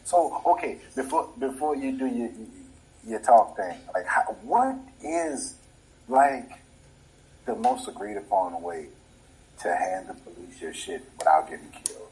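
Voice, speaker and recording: A man's voice: on the low side, expressive, a little slow, a little mellow, poor audio. A man chimes in to a casual group chat. His voice swings up and down a lot, and he quotes the others as he talks.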